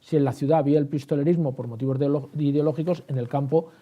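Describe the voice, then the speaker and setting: A historian and writer, appearing as an interview guest, explains things quickly in a slightly high, steady, mellow male voice. He repeats words and answers his own questions. The recording sounds dull and band-limited.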